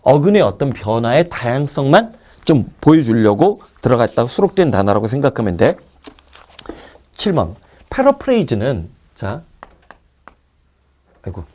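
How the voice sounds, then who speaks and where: A man teaching an English vocabulary lecture, drilling word roots with quick asides to his students. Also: medium pitch, big pitch swings, darkish tone. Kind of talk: recorded online lecture.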